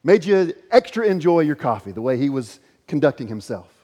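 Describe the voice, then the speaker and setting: Guy preaching a sermon, kinda high voice, earnest, asks the room questions, long hall echo. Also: sing-song, a little fast, dark tone. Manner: earnest, questioning, reads scripture aloud. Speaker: pastor.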